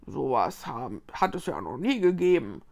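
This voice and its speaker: A woman's voice: extremely low pitch, very animated, normal speed, creaky, darkish tone, voice pushed down, exaggerated voice. A woman voicing a grumbling, indignant old rowan tree woman who is centuries old.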